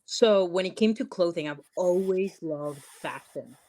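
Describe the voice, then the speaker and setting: Young woman from peru chatting on a podcast, lowish voice, lots of like and literally. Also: unhurried, warm tone. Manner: chatty, emphatic, says literally and like a lot. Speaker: podcast guest. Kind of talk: casual interview chat.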